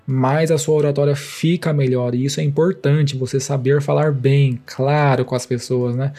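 Brazilian man, podcast guest, blunt slangy chat, mellow darker tone. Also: mid-range voice, little pitch movement, moderate pace. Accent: Brazilian Portuguese. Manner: blunt, slangy, swears casually. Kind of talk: casual podcast conversation.

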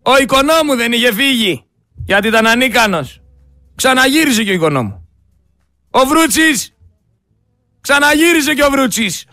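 A man's voice: very high-pitched, lively intonation, long pauses, sharp tone, dry recording, studio quality, soft background music. A man hosting a radio show, giving angry, sarcastic political commentary and talking straight to his listeners. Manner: indignant, sarcastic, addresses listeners as friends. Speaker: radio host.

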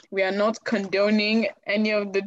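A woman of twenty-two co-hosting a casual podcast chat, unhurried and laughing often. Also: mid-range voice, level tone. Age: 20s. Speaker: podcast co-host. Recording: dull, dry home recording.

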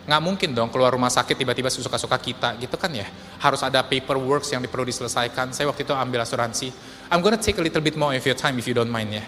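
A male pastor with a fairly high voice preaches a story-driven sermon, slipping English phrases into his talk and turning often to the congregation. His voice swings from loud to hushed. It rings through a large hall with long reverb and faint music underneath.

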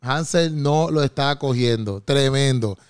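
A man's voice: medium pitch, measured pace, a loud crowd. A man co-hosting a podcast in casual chat, bantering playfully and repeating himself as he talks. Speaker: podcast co-host.

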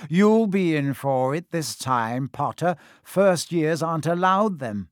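A man putting on a spiteful rich schoolboy with a sneering, snappish delivery, a touch higher and louder than the narration. The sound is dry and close. It plays as the jealous bully of a children's audiobook. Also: lively intonation, slow, no echo.

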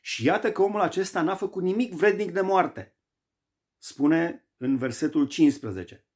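A man's voice: fairly high pitch, darkish tone. A man preaching a sermon, emphatic and repeating phrases for stress.

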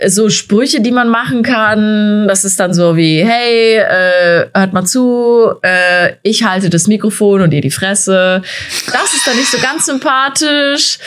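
A woman chatting on a casual podcast and retelling her stage stories with lively back-and-forth quotes. She talks at a middling pitch and fills her sentences with little hesitations. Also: slow pace. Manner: animated retelling with quoted dialogue, many fillers. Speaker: podcast co-host, stand-up comedian. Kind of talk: casual podcast chat, storytelling.

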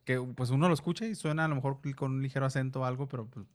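A man's voice: mid-range voice, racing. A man chatting casually, telling stories with lots of fillers and acting out the voices of the people he quotes. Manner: animated storyteller, acts out quoted voices; many fillers and repeated words. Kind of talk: casual conversation about a series.

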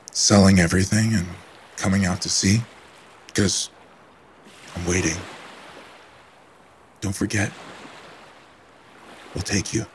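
A man voicing the Sea as an eerie, hushed, beckoning seducer in a spoof radio advertisement. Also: low-pitched, slight background noise, pitched below the performer's own voice.

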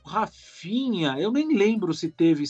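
Slangy Brazilian man, higher voice. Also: unhurried, slightly rough, highs cut off, soft background music. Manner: relaxed, slangy, swears casually. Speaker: comedian and TV writer, guest. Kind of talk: casual interview chat.

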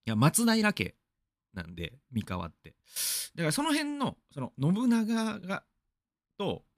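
A man's voice: high voice, huge pitch swings, unhurried, no echo, clean studio sound. A man from Aichi in Japan hosting a radio show, rambling through a casual monologue full of fillers and asides.

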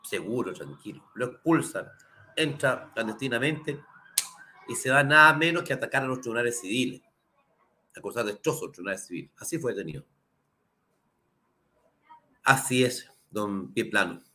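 A Chilean man, a lawyer hosting his own program, delivering impassioned political commentary with a hoarse, sore throat, asking the audience rhetorical questions. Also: medium pitch, expressive, normal speed, pauses often, sharp tone. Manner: indignant, rhetorical questions, addresses the audience directly.

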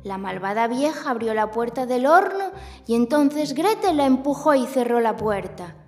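Lady doing kids show host storytelling, highish voice, music under it. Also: big pitch swings, moderate pace, a little mellow, big-room sound. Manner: kids show host, addressing children directly. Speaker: children's story host and narrator. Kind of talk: scripted children's storytelling.

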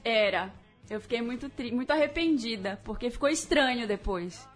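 A woman's voice: on the high side, animated, normal speed, soft background music. A woman guest in a casual group conversation, speaking candidly and plainly.

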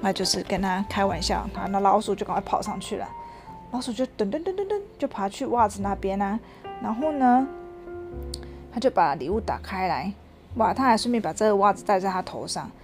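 A mother reading a picture book aloud to her child, lively and stopping to ask questions. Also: mid-range voice, a little fast, faint music behind.

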